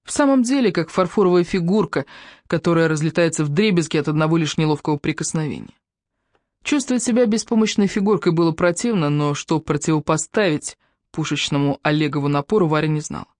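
An audiobook narrator reading a novel in a steady, even storytelling manner. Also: mid-range voice, a little fast, no echo, clean studio sound.

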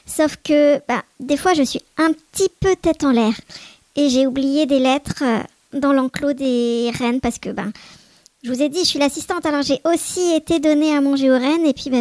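A woman's voice: high voice, a little mellow, no echo. A woman voicing a self-important, scatterbrained little female Christmas elf, chattering in a childlike, hesitant way for a children's podcast.

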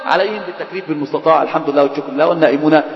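A man's voice: on the high side, racing. A man with an Egyptian accent, a sheikh teaching a religious text to a class, who quizzes and teases his students with rhetorical questions and moves between formal and everyday speech. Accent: Egyptian Arabic. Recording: echoey hall, dull sound.

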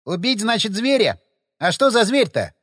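A man voicing a loud, quick-tempered, swearing male rider in an audiobook. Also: high voice, big pitch swings, no room sound, clean studio sound, pitched above the performer's own voice, heavily acted. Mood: mocking.

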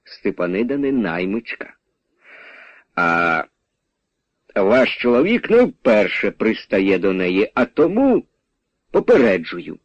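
A man's voice: fairly low pitch, huge pitch swings, takes it slowly, pauses often, no echo, exaggerated voice. A man voicing a strong young giant who warns and threatens bluntly, in a dull, dry radio recording. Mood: threatening.

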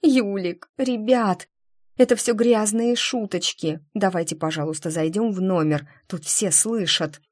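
A woman's voice: mid-range voice, measured pace, darkish tone, voice pushed up, lightly acted. A woman voicing a flustered, shaken young female violinist.

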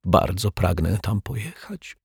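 A man's voice: sits low, expressive, darkish tone, breathy edge, no room sound, studio quality, exaggerated voice. A man voicing a prim, touchy middle-aged female teacher who talks defensively and earnestly in an audiobook. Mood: insistent. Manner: defensive, earnest, dramatic pauses. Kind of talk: audiobook character voice.

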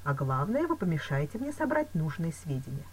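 A woman reading an audiobook voices a calm, suspicious male fencing teacher who questions slowly and deliberately, in her slightly husky voice. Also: sits low, heavily acted. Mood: firm.

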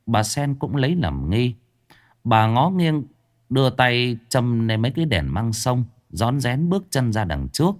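A man narrating a ghost story in an expressive, suspenseful way. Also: measured pace. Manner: expressive, swinging pitch for suspense.

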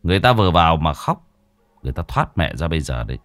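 A young shaman, unhurried and firm, coaxing and commanding in turn, as a male storyteller plays him. The voice is deep with a lively, rising and falling lilt. The recording is close and dry. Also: no room sound, heavily acted. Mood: calm firm.

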